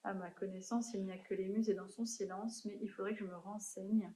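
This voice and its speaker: Mellow-voiced woman chatting about books. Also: mid-range voice, fairly even intonation, a little fast, reverberant, poor audio. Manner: chatty, hesitant with frequent fillers. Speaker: book vlogger. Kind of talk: casual book review chat.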